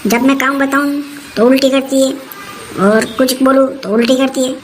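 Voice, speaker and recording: This is a bossy old mother-in-law voiced by a woman in a comic skit. She nags and threatens in a rustic dialect, with a high voice. There is a faint hiss behind her. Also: fairly even intonation, moderate pace, lightly acted, rough recording. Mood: scolding.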